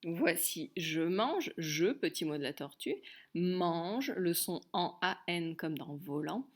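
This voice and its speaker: A woman's voice: lowish voice, slow pace. A woman teaching a dictation lesson to young pupils, patiently repeating each word and spelling out its sounds. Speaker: primary school teacher.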